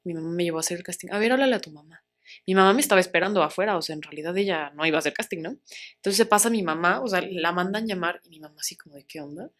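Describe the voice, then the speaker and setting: Animated young Mexican woman telling a story. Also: lowish voice, racing. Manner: animated, acts out quoted voices, laughs often. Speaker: interview guest, actress. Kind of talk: casual storytelling in an interview.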